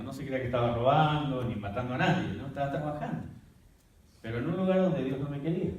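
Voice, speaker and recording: A man, a pastor, teaching a church workshop like a sermon, telling his story dramatically with sudden loud, high bursts. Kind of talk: preaching-style teaching. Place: church hall. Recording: very echoey hall, voice from far off the mic.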